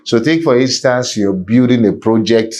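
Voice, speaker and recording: A man's voice: mid-range voice, moderate pace, darkish tone. A man with a Nigerian accent speaking as an interview guest, making his points emphatically with parables and rhetorical questions, like someone preaching. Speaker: podcast guest, real estate business executive. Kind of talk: conversational interview with opinionated advice.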